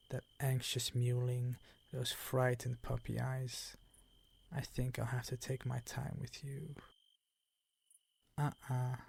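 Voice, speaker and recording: A man performs an ASMR roleplay as a vampire count who is predatory and possessive, speaking formally, teasingly and commandingly in a breathy voice that frequently fades toward a whisper. His voice is mid-range and a little mellow.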